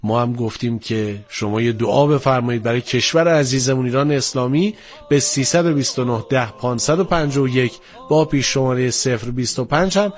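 A man hosting a radio call-in program, speaking politely with pious phrasing. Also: medium pitch. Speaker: radio host.

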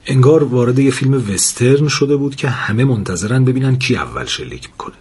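A man narrating a humorous story in a lively storytelling manner. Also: mid-range voice, breathy edge.

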